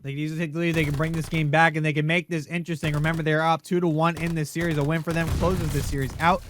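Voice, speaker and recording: A man calling an esports match play by play, rapid and excitable. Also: fairly high pitch, a little hiss or hum. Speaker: play-by-play caster.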